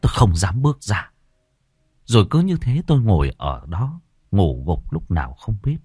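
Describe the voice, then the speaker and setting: Low-voiced man telling a horror story. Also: normal speed, breathy edge, no room sound, clean studio sound. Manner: expressive, dramatic storytelling. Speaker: narrator. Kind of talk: audio horror story narration.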